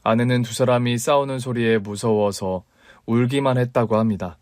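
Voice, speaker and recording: A man narrating a radio story calmly, retelling events he was told. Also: medium pitch, moderate pace, dry recording, studio quality. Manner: calm, retelling secondhand.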